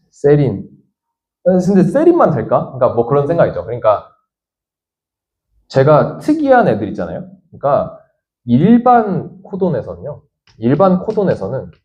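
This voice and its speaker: Lively, mellow-voiced male science teacher. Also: mid-range voice. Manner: talks to himself aloud and acts out students' questions. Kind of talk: lecture with a worked example. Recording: dull lo-fi lecture audio.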